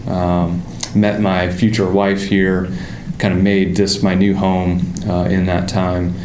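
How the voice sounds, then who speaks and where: The guest, a motorcycle designer from the Pittsburgh area in the United States, has a very low voice and a Pittsburgh accent. In this casual interview he tells his story slowly, loosely and rambling, with lots of ums and restarts, while the roomy, echoey space carries a steady background noise under him.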